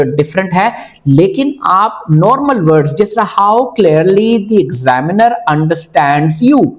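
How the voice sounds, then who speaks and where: Calm man teaching English pronunciation. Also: fairly high pitch. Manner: explains calmly, mixing English phrases into Hindi-Urdu; slows down to model English sentences word by word. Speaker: IELTS teacher. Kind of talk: instructional video lecture.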